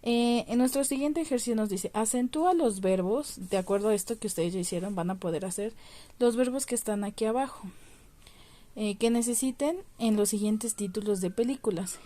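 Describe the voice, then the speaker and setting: A woman's voice: on the high side, brisk, mellow. A woman teaching a primary school lesson, patiently explaining step by step and stretching out the stressed syllables. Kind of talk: recorded remote lesson.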